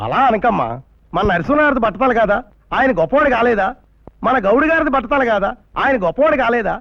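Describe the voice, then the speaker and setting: A fretful middle-aged father-in-law, speaking fast in a very high voice. The old film soundtrack is dull, with music beneath. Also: expressive. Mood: pleading. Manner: fretful, pleading.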